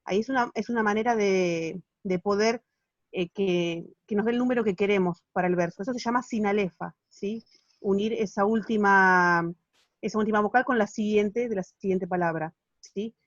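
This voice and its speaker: A woman's voice: mid-range voice, normal speed, dry recording, highs cut off. A woman teaching literature on a video call, patiently explaining and checking in with her students. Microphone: phone or laptop on a video call.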